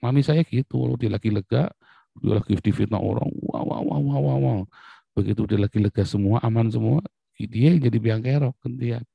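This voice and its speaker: A man preaching in a casual, lively style, often laughing and leaping up in pitch when he makes a point. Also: fairly quick, creaky, breathy edge, no echo. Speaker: pastor. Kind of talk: sermon. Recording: dull lo-fi recording.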